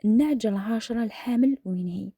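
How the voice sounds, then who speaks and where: A woman's voice: a little high, fast, mellow, slightly rough, no room sound, studio quality. A woman voicing a cruel, menacing rural uncle who barks demands, with an Algerian accent. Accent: Algerian Arabic. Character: cruel shouting rural uncle, middle-aged man.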